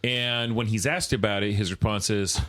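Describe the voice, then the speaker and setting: A man's voice: lowish voice, fairly even intonation, normal speed, a bit bright. A man co-hosting a casual podcast, speaking bluntly and frankly. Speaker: podcast co-host. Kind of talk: casual chat.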